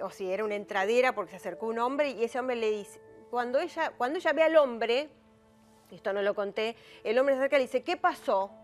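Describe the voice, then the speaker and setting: A woman with a Rioplatense Spanish accent telling of a recent robbery on a TV show, in an emotional and vivid way. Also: medium pitch. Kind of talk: personal account on a talk show.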